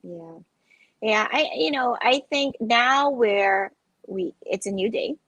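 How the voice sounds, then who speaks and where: A woman's voice: on the high side, lively intonation, takes it slowly, fairly bright tone, no room sound, dull audio. A woman hosting a casual interview, encouraging her guest with frequent affirmations. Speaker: host.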